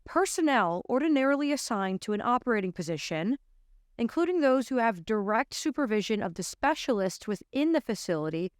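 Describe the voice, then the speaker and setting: An American woman in her twenties, a commentator and show host, delivers emphatic, incredulous opinion commentary to camera. Her voice is on the high side with a clean tone, recorded dry and close on an arm-mounted studio mic in a small indoor studio.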